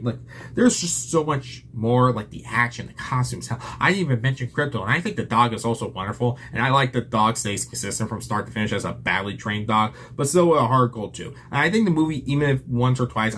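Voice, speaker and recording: A man's voice: medium pitch, a bit bright, a little hiss or hum. A young man giving a casual, enthusiastic movie review, rambling with restarts and a little out of breath.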